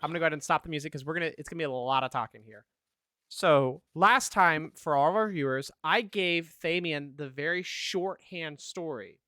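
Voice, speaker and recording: A man's voice: a little high, quick pace, hardly any pauses, a bit bright, no room sound, clean studio sound, faint music behind. A man running a tabletop game as game master, chatting to players and viewers. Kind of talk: narrating a tabletop game over a call.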